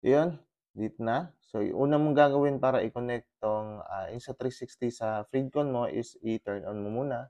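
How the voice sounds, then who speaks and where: Here a Filipino motovlogger of medium pitch speaks at a normal speed, demonstrating step by step how to pair his gear for a casual tutorial vlog. He blends Tagalog with English and keeps up a steady explanation full of fillers. The mic is an intercom headset inside his helmet while he's on his motorcycle outdoors in a subdivision.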